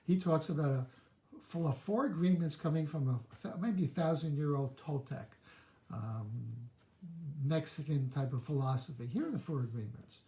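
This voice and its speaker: Guy hosting a self-help livestream, kinda high voice, warm and mellow, open about his own stuff. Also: moderate pace, reverberant. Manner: candid, reflective, self-disclosing. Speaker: self-help show host. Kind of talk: live-streamed teaching talk.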